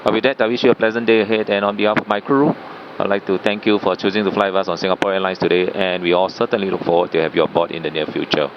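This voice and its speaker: A man, the airline captain, making a halting plane cabin announcement full of uhs. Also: low-pitched, fairly even intonation. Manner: hesitant, halting delivery with frequent uhs. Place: aircraft in flight. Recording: dull muffled PA with aircraft noise. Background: aircraft noise.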